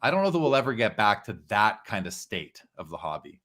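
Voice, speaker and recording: A man's voice: on the low side, sing-song, fairly quick, bright, forceful tone. Talkative man giving opinionated casual commentary. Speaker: show host and commentator.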